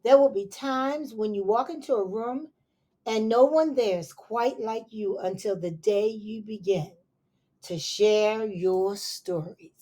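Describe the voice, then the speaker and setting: A woman teacher reading a picture book aloud to young children, expressive and unhurried, with soft asides to her listeners. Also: medium pitch. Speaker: elementary school teacher.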